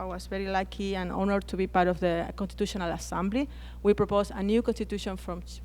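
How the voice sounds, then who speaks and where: A woman from Chile with a Chilean Spanish accent, speaking English as a second language on a conference panel, pausing often and restarting her phrases. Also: medium pitch, a little mellow. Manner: hesitant, frequent restarts and fillers.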